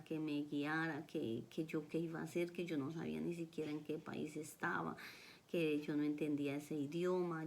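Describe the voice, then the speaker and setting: A woman's voice: low voice, darkish tone. A Colombian woman telling her own life story to camera, earnest and emotional, often repeating her phrases. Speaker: vlogger.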